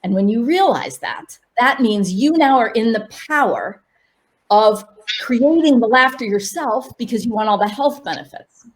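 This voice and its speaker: A woman laughter coach leading an online workshop, upbeat and coaxing, with sudden high cheers. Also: expressive, normal speed.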